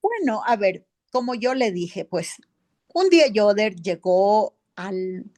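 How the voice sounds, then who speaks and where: A woman's voice: mid-range voice, big pitch swings, slow, darkish tone. Woman playing a rambling neighbor on the witness stand. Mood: earnest. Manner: rambling, many fillers and tag questions. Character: female witness, neighbor and office accountant. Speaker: witness in a mock trial. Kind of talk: courtroom role-play, answering questions.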